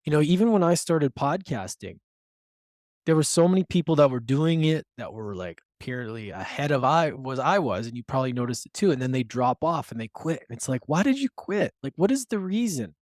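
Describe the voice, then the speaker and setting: A man's voice: medium pitch, animated, fairly quick, a little mellow, no echo, studio quality. A man hosting a podcast, speaking enthusiastically and asking his guest probing questions. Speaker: podcast host. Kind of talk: casual interview.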